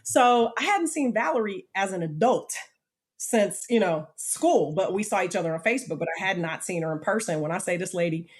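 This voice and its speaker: Animated storytelling woman in her fifties. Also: mid-range voice, brisk. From United States. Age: 50s. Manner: animated storyteller, acts out quotes, repeats "literally". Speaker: guest. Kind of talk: podcast interview storytelling.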